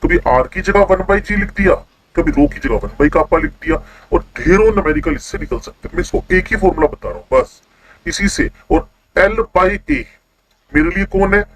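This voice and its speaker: Guy teaching chem online, fairly high voice, keeps asking the class quick questions. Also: expressive, fairly bright tone, low-quality recording. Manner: quizzing students with quick questions. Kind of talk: online chemistry lesson.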